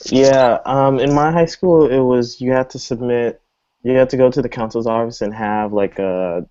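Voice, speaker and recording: A man's voice: medium pitch, moderate pace, dark tone, clean tone, no room sound. A young man from Texas, a student panelist answering questions casually, with lots of fillers and restarts. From Texas, USA. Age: young adult. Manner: casual, hesitant, many fillers. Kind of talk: online Q&A session. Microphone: video call. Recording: slightly muffled video call audio.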